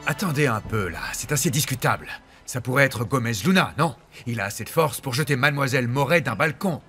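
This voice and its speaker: A man's voice: mid-range voice, lively intonation, fairly quick, close to an everyday voice. An actor dubbing a telenovela, playing a man who questions suspiciously. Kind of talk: dubbed telenovela acting. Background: loud music.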